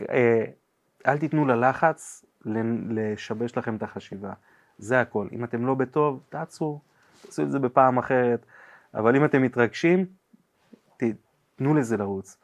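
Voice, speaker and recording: A man appearing as a guest on a podcast, explaining body language with lively acted-out examples and sound effects. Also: mid-range voice. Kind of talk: podcast interview chat.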